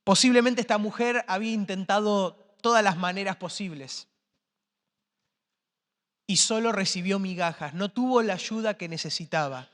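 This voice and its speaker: A man preaching a sermon as pastor, swinging between impassioned calls and hushed, slow lines. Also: high voice. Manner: impassioned, rising to shouts then dropping to quiet. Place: church sanctuary. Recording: long church reverb.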